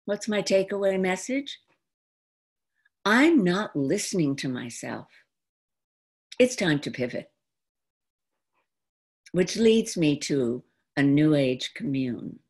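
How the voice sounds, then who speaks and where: With a low voice and deliberate, expressive delivery, a New York actress of about seventy performs a dramatic autobiographical monologue. The setting is a room at home before a folding screen, with audio from a computer video call microphone.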